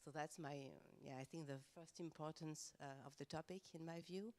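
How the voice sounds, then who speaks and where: A professor from France, speaking accented English on a conference-room panel, talks fairly quickly in a low, darkish voice with fairly even intonation. She comes across as earnest and passionate, though she hesitates often and leans on fillers.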